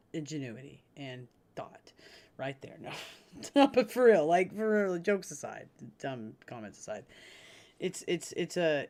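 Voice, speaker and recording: A woman's voice: sits low, a little mellow. Frank, rambling woman streamer. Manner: frank, rambling, swears freely; laughs often between sentences. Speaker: livestreamer. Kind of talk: casual chat with a live audience.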